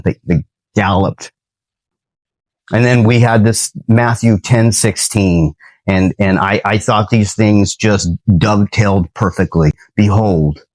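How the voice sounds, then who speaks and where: A man's voice: medium pitch, no echo. A man hosting a church's Sunday night video, talking earnestly in a casual sermon style with many fillers and restarts.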